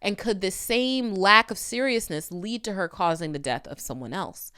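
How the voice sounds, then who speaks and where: This woman's mid-range voice is clear and resonant with a sharp tone, and she keeps a moderate pace. Hosting a legal commentary channel, she speaks right to the viewer, conversational, emphatic, and strongly opinionated.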